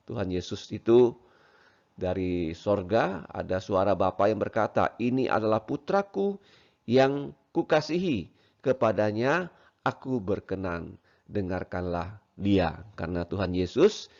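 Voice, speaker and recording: A male teacher with a low, gravelly voice walks children through a Bible verse at a slow, patient pace. He explains it word by word and adds "ya" often. The recording is dull and lo-fi. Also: a little mellow.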